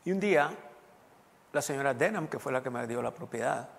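Male pastor preaching, chatty, keeps asking the crowd stuff, gravelly voice, big reverb hall. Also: medium pitch, animated, a little fast. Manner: conversational, asks the congregation questions. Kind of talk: sermon told as a personal story.

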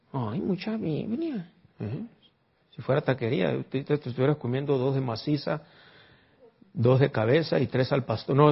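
A pastor with a husky, fairly high-pitched voice delivers a sermon conversationally, frequently quizzing his congregation. The recording sounds dull and lo-fi.

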